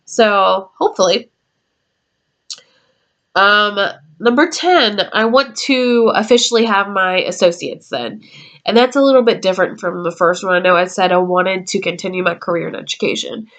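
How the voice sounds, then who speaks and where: A woman's voice: medium pitch, normal speed, a bit bright. Chatty woman in her twenties vlogging. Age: 20s. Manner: chatty, meandering, with frequent ums. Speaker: YouTuber. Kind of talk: casual vlog talk. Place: her room at home.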